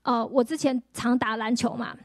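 A woman pastor, giving a lively healing testimony sermon full of acted-out quotes and rhetorical questions. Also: a little high, normal speed, dry recording, studio quality.

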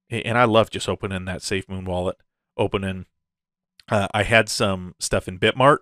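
A man's voice: deep voice, fairly bright tone, no echo, clean studio sound. A man hosting a casual crypto update in the gushing, hyped-up manner of a crypto bro, often chuckling as he talks. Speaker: crypto video host.

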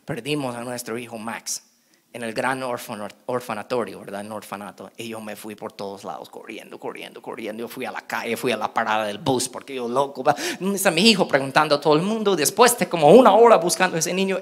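A middle-aged man preaching a sermon in an animated way, acting out quoted voices with big jumps in pitch. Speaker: pastor.

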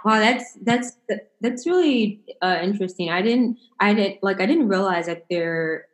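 A woman interviewing a guest, speaking haltingly with many restarts and filler words. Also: mid-range voice, animated, reverberant. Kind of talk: interview conversation.

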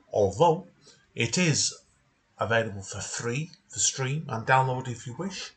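A man's voice: mid-range voice, a bit bright, breathy edge. A man from England hosting a podcast, chatting casually and rambling with many fillers and restarts. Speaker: podcast host.

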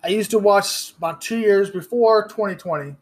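A man in his thirties hosts a solo podcast in a blunt, profane rant. His voice sits slightly high for a man, and he often restarts his sentences as he pushes his points. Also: moderate pace, breathy edge. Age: 30s. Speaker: podcast host. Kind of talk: ranting solo podcast commentary.

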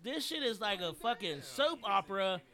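A man co-hosting a casual radio podcast, talking football in an animated way, laughing often and swearing freely. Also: high-pitched, normal speed. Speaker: podcast co-host. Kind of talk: casual sports chat. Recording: radio show studio.

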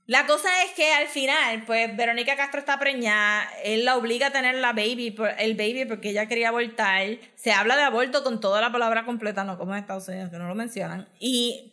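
A woman's voice: fairly high pitch, pushed and bright. A woman recapping a film in casual chat, mixing in English words, with lots of fillers and laughs.

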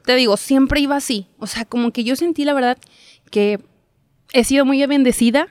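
A woman's voice: high-pitched, normal speed, no echo. Young woman chatting in an interview, laughs a lot, dry sound. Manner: chatty storyteller, laughs often, acts out quotes. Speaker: guest, TV reporter. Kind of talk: casual interview chat.

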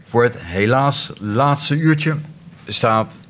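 A male radio presenter announcing the next items in a calm manner. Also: mid-range voice, drawn-out words.

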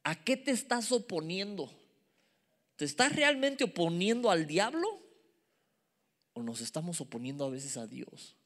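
A man delivers a sermon to young listeners, emphatic and lively, now and then sinking into a hushed whisper. His voice sits a little high, and it rings with the long reverb of a large hall. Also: unhurried, long pauses. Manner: animated, emphatic, drops to a whisper for asides. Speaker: youth preacher.

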